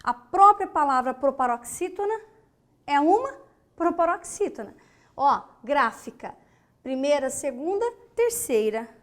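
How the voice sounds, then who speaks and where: Brazilian lady teaching grammar at a board, high voice, takes it real slow, counts stuff out loud. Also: animated. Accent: Brazilian Portuguese. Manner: slow and deliberate, counting syllables aloud and checking in with "tá bom?". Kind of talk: recorded online grammar lesson at a board. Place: lesson studio with a whiteboard.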